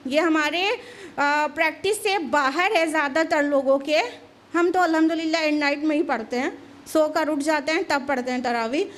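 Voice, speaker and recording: A woman scholar calmly answering religious questions in a Q&A talk, mixing in English terms. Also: high-pitched, normal speed. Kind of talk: religious Q&A explanation.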